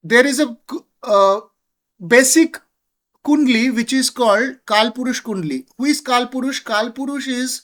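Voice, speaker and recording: A woman teaching astrology in an explanatory lecture, slow and deliberate, switching between two languages. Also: on the high side.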